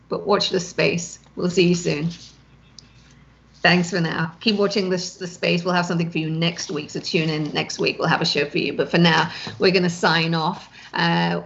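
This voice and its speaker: A woman hosting a show, thanking her team and viewers in a heartfelt, halting way. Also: fairly low pitch, dull audio. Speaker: host. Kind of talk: emotional sign-off to viewers.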